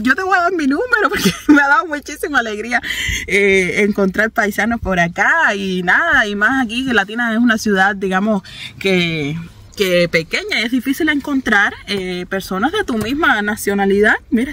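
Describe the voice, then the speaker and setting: With a fairly high voice at normal speed, a Cuban woman in her thirties vlogs from a car's back seat, recounting a story to the phone she holds out at arm's length. Her Cuban Spanish is chatty and animated, broken by frequent laughs, and a little hiss or hum sits under the recording.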